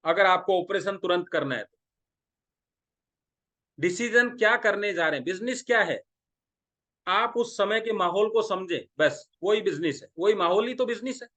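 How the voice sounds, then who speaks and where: Middle-aged male sales trainer from India, slightly high voice, rhetorical questions and acted-out dialogue. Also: lively intonation, moderate pace, pauses often, bright, forceful tone. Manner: talks through role-played dialogues, asking the audience questions. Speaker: direct selling trainer. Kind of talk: motivational sales training talk.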